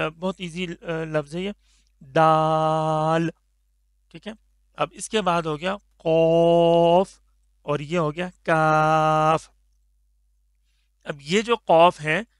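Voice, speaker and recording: A Quran recitation teacher with a slightly high voice teaches Tajweed pronunciation of Arabic letters, patiently stretching out each letter's sound for the learner. The recording is clean studio sound with no room sound.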